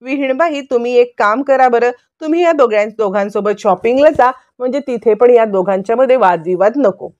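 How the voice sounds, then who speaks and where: A woman's voice: on the high side, brisk, hardly any pauses, a little mellow, no echo, highs cut off, lightly acted. A woman voicing an elderly grandfather who agreeably coaxes the young couple along. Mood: approving. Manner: agreeable, coaxing.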